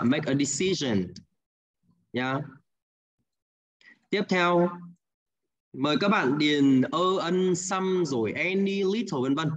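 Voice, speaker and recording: A man's voice: on the high side, highs cut off. A man with a Hanoi accent teaching an English class, patiently repeating answers and checking in with the students. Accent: Hanoi Vietnamese. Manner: patient, repeats answers, ends with "đúng không ạ?". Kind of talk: online class, guiding students through exercises.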